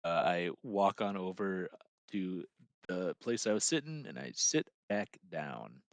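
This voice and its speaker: A man's voice: low-pitched, lively intonation, unhurried, vocal fry, no echo. A man playing a tabletop role-playing game, describing actions and talking in character in a laid-back, hesitant way.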